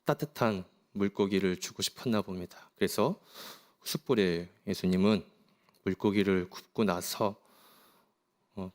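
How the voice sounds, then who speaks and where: Man preaching gently, middle-aged, low-pitched, reflective storytelling. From South Korea. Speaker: pastor. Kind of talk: sermon.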